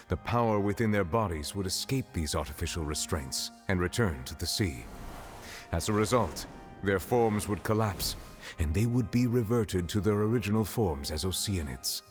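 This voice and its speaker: A deep-voiced male actor plays a stern, composed chief justice in a video game, delivering formal, measured pronouncements over music.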